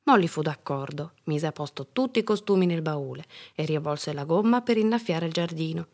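A woman reading a children's story aloud in an expressive storytelling manner. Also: deep voice, a little fast.

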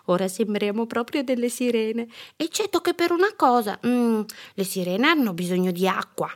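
A woman voicing a cheerful, playful little girl in a storybook reading, with a high, excitable manner. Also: moderate pace.

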